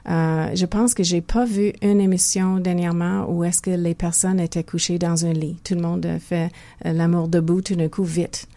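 Speaking at a normal speed in a low, level, warm voice, an older woman with a Québécois accent talks as a physiotherapist guest in an interview. She is reflective, with many hesitations and restarted sentences.

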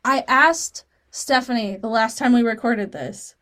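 A woman's voice: on the high side, measured pace, fairly bright tone. A woman in her thirties co-hosting a podcast, chatting casually, laughing often and using lots of fillers. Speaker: podcast co-host. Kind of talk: casual chat.

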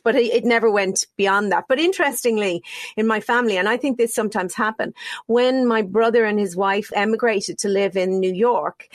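A woman's voice: medium pitch, no echo, clean studio sound. A middle-aged or older woman with an Irish accent, explaining things candidly through anecdotes in a reflective conversation. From Ireland.

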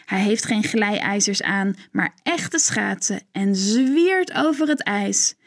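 A woman narrating a children's story in a gentle, clear storytelling manner. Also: medium pitch, expressive, slow pace.

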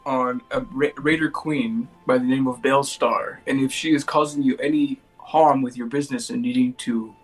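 A man's voice: mid-range voice, fairly even intonation, normal speed, few pauses, breathy edge, faint music behind, low-quality recording. A man playing a tabletop game who stumbles over his words and speaks of his character in the third person. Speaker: player.

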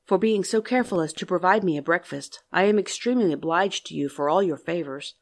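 A woman's voice: fairly low pitch, fairly quick. Woman reading a scared polite old dad merchant, humble, storybook voice. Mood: grateful. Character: frightened old male merchant, humble father.

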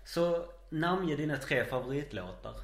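Relaxed man hosting a podcast. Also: a little high, roomy sound. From Malmö, Sweden. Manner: relaxed, asks questions. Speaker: podcast host. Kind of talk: casual podcast interview.

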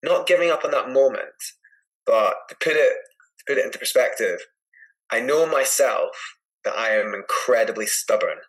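A Scottish man from Edinburgh, a podcast guest chatting casually and telling a rambling, animated anecdote full of "like" and "you know". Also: mid-range voice, normal speed, low-quality recording. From Edinburgh, Scotland. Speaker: podcast guest, adventure climber. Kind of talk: casual storytelling in conversation.

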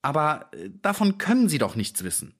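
A man's voice: huge pitch swings, brisk, exaggerated voice. A man doing a small, trembling, frightened man. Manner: high, trembling, anxious voice.

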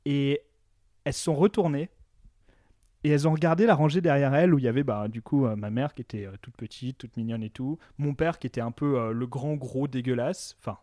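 Mellow self-mocking male storyteller. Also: mid-range voice, brisk, dry recording, studio quality. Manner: self-mocking, laughing, hesitant fillers. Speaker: podcast guest. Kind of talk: casual storytelling.

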